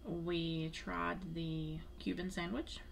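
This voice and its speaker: A woman's voice: fairly low pitch, level tone, slow, vocal fry, a little hiss or hum. A woman hosting a family vlog, chatting casually as she reviews food.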